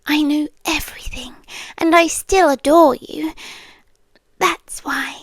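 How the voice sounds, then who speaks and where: In an ASMR roleplay, a British woman plays an obsessive, adoring vampire girlfriend, coaxing softly and breathily and often dropping into a whisper in a slow, intimate delivery. Her voice is high with fairly even intonation, and there is no echo.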